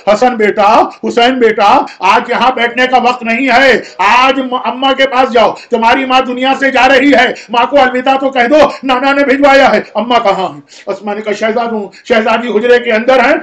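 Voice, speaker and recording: A man's voice: very high-pitched, a bit bright. A man with a Pakistani Urdu accent delivering an emotional mourning sermon, rising at times to wailing cries. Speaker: maulana delivering a majlis. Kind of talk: Shia majlis sermon recounting mourning narrative.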